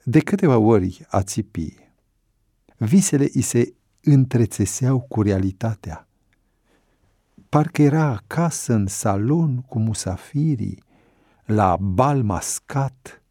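A man narrating a novel as an audiobook, in a measured, unhurried storytelling manner. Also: mid-range voice, animated, mellow, dry recording, studio quality.

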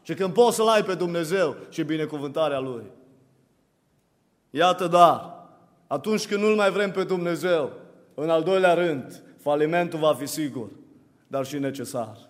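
High-voiced preacher in an echoing church. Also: male voice. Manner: emphatic, repetitive, builds to louder peaks. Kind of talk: sermon. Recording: long reverb of a church hall.

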